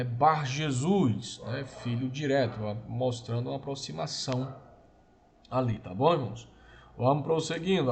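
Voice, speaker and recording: A man teaching a lesson, explaining slowly and patiently and often checking in with his listeners. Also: medium pitch, creaky. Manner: slow, patient explaining, often adds "né?" and "irmãos". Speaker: Hebrew teacher. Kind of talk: recorded online lesson.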